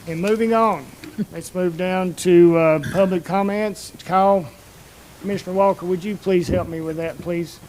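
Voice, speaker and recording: High-voiced man chairing a public meeting. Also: steady tone, moderate pace, a little mellow, rough recording. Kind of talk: procedural public meeting talk. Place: indoor commission meeting room. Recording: faint background noise.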